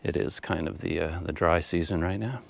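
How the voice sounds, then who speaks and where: A man's voice: deep voice, a little fast, creaky. A middle-aged man giving casual, unscripted travel vlog commentary outdoors, musing aloud as he goes. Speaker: travel vlogger. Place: outdoors on open countryside paths and roads.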